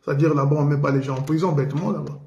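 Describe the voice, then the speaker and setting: Racing through his words with fairly even intonation, a man from the Republic of the Congo now living in France rails indignantly in a political radio commentary, repeating himself for emphasis. The lo-fi recording captures his warm, dark, somewhat high male voice amid ringing room echo.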